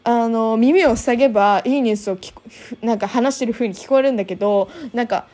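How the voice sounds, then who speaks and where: A woman's voice: on the high side, a little fast, warm tone. A young woman chatting casually to her viewers, telling a personal story with many fillers and acted-out quotes. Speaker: vlogger.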